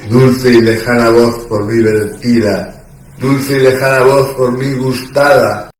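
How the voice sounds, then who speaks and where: Man, slow deliberate recital voice, faint room hum. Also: medium pitch, a little mellow. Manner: slow, measured declamation. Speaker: reciting poet. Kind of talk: poetry recital. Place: bookshop event room. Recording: echoey room, distant mic.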